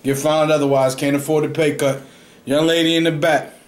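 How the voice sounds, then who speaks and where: A man's voice: a little high, level tone, brisk. A young man in a mock press conference, playing a coach who gives cocky, defensive, rambling answers into a close studio microphone in a small room. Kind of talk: comedic parody press conference. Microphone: large studio microphone close up.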